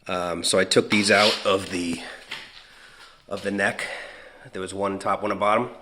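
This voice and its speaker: A man giving a casual, halting update on his garage project, searching for words with lots of fillers, a little out of breath. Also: low voice, steady tone, sharp tone. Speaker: hobby builder vlogging a mini bike project. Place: hot home garage.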